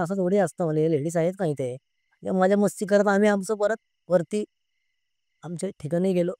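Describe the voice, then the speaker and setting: A man's voice: no echo, studio quality. Chatty man telling a true story. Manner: chatty, acts out friends' lines in quoted voices; often drops to a hushed, low voice. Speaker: guest telling his own ghost experience. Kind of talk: casual spoken storytelling.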